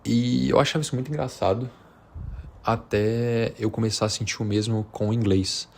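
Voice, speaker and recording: A vlogger from Minas Gerais with a Brazilian accent chats to camera casually and unscripted, rambling hesitantly in slangy language. His medium-pitched voice is steady, moderately paced, creaky, and a little mellow.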